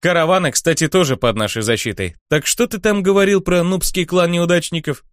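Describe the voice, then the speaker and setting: A man voicing a brash, loud young male herald player in an audiobook, cheeky and taunting, with rapid patter. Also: fairly high pitch, dry recording, clean studio sound, pitched above the performer's own voice, close to an everyday voice. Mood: smug.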